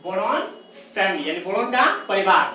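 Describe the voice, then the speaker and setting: A man teaching chemistry in a classroom lecture, slowly repeating memory tricks and checking in with his students. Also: high-pitched, lively intonation, bright, forceful tone, soft background music. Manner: repeats mnemonics slowly, checks in with "theek hai". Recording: far-off echoey room with faint noise.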